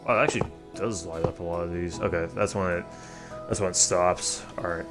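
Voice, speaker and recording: A man with a deep, slightly nasal and stuffy voice talks his way through a casual gaming livestream. He rambles loosely, stringing thoughts together with fillers and restarts. Music plays clearly behind him. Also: fairly even intonation, fairly quick. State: stuffy from allergies. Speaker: streamer.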